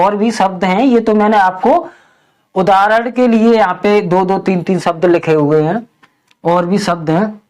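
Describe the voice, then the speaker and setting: Slow, deliberate woman teaching spelling. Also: mid-range voice, darkish tone. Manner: spells out letters slowly, asks and answers own questions. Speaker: English teacher.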